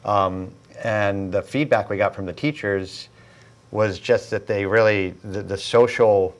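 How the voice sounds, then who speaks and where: A man in his forties speaking in a measured way as an interview guest in a studio. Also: fairly low pitch. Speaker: business partner, interview guest. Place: small indoor video studio.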